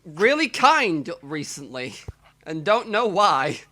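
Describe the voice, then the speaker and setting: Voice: mid-range voice, very animated, slow pace, pushed and bright. A podcast co-host asking pointed, teasing questions about plot holes. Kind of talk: casual podcast banter.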